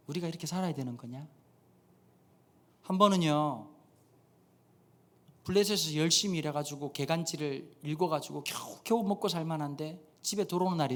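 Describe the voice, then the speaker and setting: A man in his thirties preaching a humorous sermon in a church, telling stories and acting out the dialogue. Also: fairly high pitch. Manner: animated storytelling, acts out dialogue. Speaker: pastor. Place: church sanctuary.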